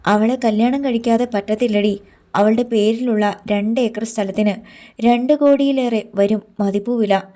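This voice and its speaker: Scheming young village man, voiced by a woman storyteller: firm, low, sure of himself, mellow tone. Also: fairly even intonation, normal speed, lightly acted. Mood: determined. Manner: low, firm, matter-of-fact.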